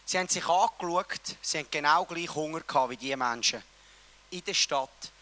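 A male preacher, retelling a story dramatically, swinging between loud and hushed. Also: on the high side, moderate pace. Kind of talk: sermon storytelling.

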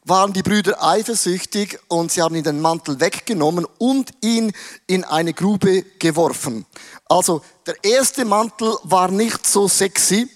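A man preaching casually, retelling a story dramatically with slang. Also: sits high. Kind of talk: sermon storytelling.

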